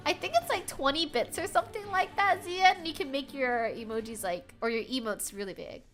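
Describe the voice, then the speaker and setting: A young American woman chats casually with her stream chat during a gaming session, animated and giggly, with frequent bursts of laughter. Her voice is high and fairly quick, with faint game music in the background.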